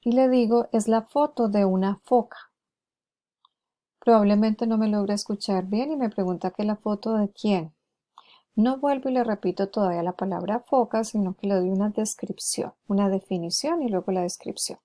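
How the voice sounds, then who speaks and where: A woman lecturing on therapy strategies, explaining each one and slowing down to model words clearly. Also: mid-range voice, dark tone. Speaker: lecturer on hearing-impaired therapy. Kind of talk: recorded lecture with acted examples.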